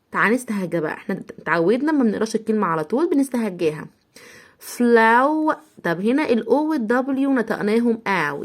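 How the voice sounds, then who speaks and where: A woman with an Egyptian Arabic accent teaching English vocabulary to children. She spells each word out syllable by syllable and has the listener repeat it after her. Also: medium pitch. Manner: sounds out words slowly, syllable by syllable, and repeats them.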